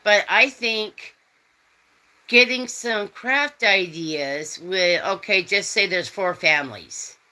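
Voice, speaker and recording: Slow, rambling woman chatting with viewers. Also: medium pitch, bright, forceful tone, poor audio. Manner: rambling, folksy, reads out chat comments. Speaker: host. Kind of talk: casual chat.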